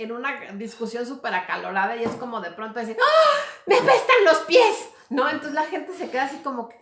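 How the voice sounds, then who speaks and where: This woman, a communication coach, chats casually with viewers in lecture form and keeps checking in through small tag questions. She has a fairly high, fairly bright voice, recorded with a roomy echo.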